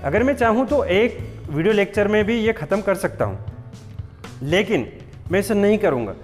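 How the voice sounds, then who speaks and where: A man's voice: sits high, animated, moderate pace, long reverb tail, soft background music. A man teaching a patient, step-by-step spelling lesson, repeating words and checking that students follow. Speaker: English teacher. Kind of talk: classroom-style spelling lesson.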